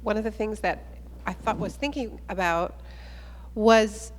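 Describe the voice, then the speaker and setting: A woman's voice: medium pitch, a little slow. Panel moderator woman in a reverberant hall. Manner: thoughtful, long winding questions.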